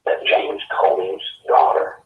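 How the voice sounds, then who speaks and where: A man's voice: measured pace, far from the mic. A man calling in on speakerphone, talking in an earnest, pleading, urgent way as a guest caller. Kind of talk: casual talk. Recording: tinny phone line on speaker, roomy, faint noise.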